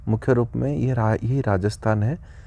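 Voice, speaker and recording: A man's voice: mid-range voice, steady tone, normal speed, creaky, mellow, lo-fi sound. A man teaching a geography lesson online, explaining step by step in a chatty way and addressing viewers as friends.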